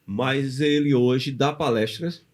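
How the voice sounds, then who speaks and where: This podcast co-host speaks slowly at a medium pitch, with a Brazilian Portuguese accent. In a relaxed motivational show, he tells stories with animation and poses rhetorical questions.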